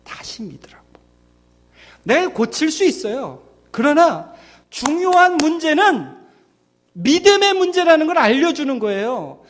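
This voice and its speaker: A man's voice: extremely high pitch, big pitch swings, a little slow, long pauses. A male pastor preaching a conversational sermon, acting out scenes and dropping to near-whispers for emphasis. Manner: conversational, acts out biblical scenes in voices.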